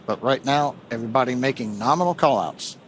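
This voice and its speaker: A man's voice: mid-range voice, brisk, slight background noise. A man giving live launch commentary as a webcast commentator, explaining in a technical way.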